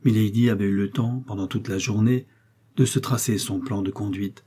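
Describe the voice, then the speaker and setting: A man narrating an audiobook in a steady, measured reading. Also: lowish voice, slightly rough. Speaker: audiobook reader.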